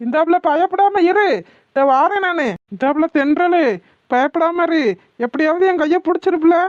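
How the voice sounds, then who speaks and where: Woman playing a village uncle, southern Tamil village dialect, quick scolding, high voice, dry sound, cartoon. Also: dry recording, muffled recording.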